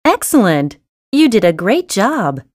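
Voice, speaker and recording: Expressive woman in test dialogues. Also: mid-range voice, a little slow, dry recording. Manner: bright, clearly enunciated conversational reading. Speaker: listening test voice actor. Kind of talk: scripted test dialogue reading. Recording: dry studio recording.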